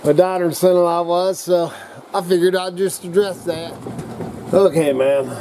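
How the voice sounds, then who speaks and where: A middle-aged or older man with slightly slurred speech, rambling casually to camera as a vlogger in a halting, folksy, coarse-mouthed redneck way. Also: high-pitched, fairly even intonation, warm tone, a little hiss or hum. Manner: halting, drawn-out, searching for words.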